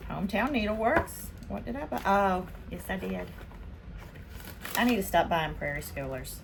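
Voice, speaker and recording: A woman from Spain hosting a casual haul vlog, chatting excitedly as she unboxes her purchases. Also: medium pitch, moderate pace, vocal fry, background noise. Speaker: vlog host.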